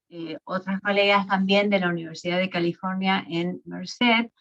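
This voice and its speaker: Woman, academic lecturer, unhurried, dull video-call sound. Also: mid-range voice, fairly bright tone. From Argentina. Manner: measured, with fillers and self-corrections. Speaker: guest lecturer.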